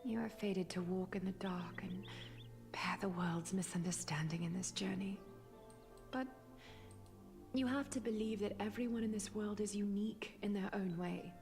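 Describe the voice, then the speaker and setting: A woman's voice: mid-range voice, normal speed, creaky, a little mellow, long reverb tail, faint music behind, close to an everyday voice. A woman playing a wise, composed, solemn seamstress mentor in a video game. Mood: solemn, reassuring. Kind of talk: dramatic video game voice acting.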